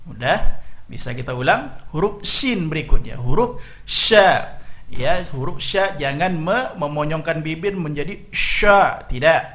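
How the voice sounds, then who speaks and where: A man teaching Arabic letter pronunciation, patiently repeating syllables in sing-song drills and explaining mistakes in a lower voice. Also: lively intonation, a little slow, pushed and bright. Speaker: Quran recitation teacher. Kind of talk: slow instructional drilling of letter sounds.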